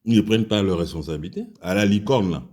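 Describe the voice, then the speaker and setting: A Gabonese commentator speaks in a fast, lowish, dark-toned male voice with a Gabonese French accent. He tells an angry, crude personal story in a heated, repetitive way while attacking the country's leaders.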